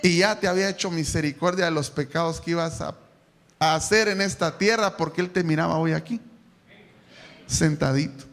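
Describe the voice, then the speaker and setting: A man preaching a sermon to his congregation, animated, asking them questions and bursting into shouts. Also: fairly high pitch, moderate pace, gravelly. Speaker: pastor. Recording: echoey church hall, live stream.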